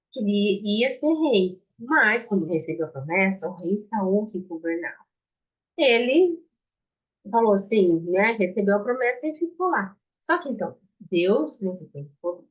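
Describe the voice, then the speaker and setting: A Brazilian woman giving an informal Bible story lesson to children, explaining simply in halting phrases with questions to her young listeners. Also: mid-range voice, husky. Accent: Brazilian Portuguese. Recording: dull lo-fi sound.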